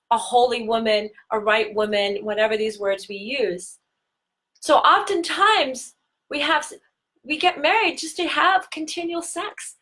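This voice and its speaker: A woman tantra teacher hosting a live-streamed talk, speaking earnestly and slowing down on key words. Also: sits high, bright, forceful tone.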